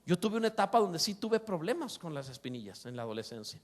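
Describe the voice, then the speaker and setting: High-voiced preaching pastor. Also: male voice, quick pace. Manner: lively preaching with rhetorical questions and humorous asides. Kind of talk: sermon.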